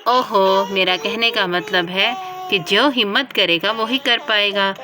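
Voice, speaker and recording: A woman voicing a confident mother doll of five who lectures her friend briskly. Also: medium pitch, steady tone, background noise, pitched below the performer's own voice, close to an everyday voice. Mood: lecturing.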